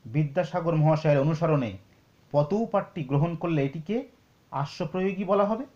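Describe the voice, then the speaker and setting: A man teaching Sanskrit scripture, explaining slowly and reciting verses. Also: fairly high pitch, warm tone, muffled recording. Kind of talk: lecture on scripture.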